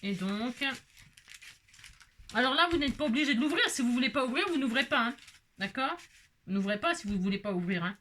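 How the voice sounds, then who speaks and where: A woman's voice: fairly high pitch, expressive, brisk, pauses often, sharp tone, a little hiss or hum. A woman hosting a casual crafting tutorial, chatting freely as she works and talking half to herself, with lots of little filler tags. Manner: chatty, many filler tags, talks to herself while working.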